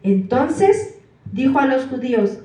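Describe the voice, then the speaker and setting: A woman's voice: high voice, very animated, slow pace, warm tone. A woman preacher in a church, reading scripture aloud verse by verse, calling out the verse numbers and asking the listeners questions. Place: church hall. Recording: echoey church hall from far off.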